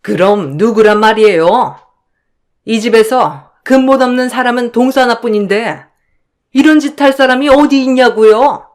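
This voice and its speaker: A woman voicing an arrogant, scornful sister-in-law in a storybook drama, who keeps shouting accusations of theft. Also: fairly high pitch, moderate pace, voice pushed up, close to an everyday voice. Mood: scornful, shrill.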